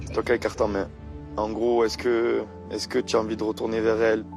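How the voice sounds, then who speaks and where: A young man gives casual advice in a low, even voice. He talks quickly, with music clearly behind him. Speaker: reality show contestant. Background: music bed.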